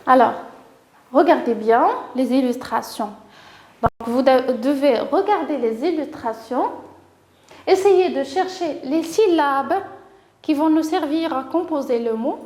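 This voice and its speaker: A woman with a Moroccan accent teaching a lesson to young children, speaking slowly and clearly, encouraging them and sounding out each syllable. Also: high voice, a little mellow, roomy sound. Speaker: primary school teacher.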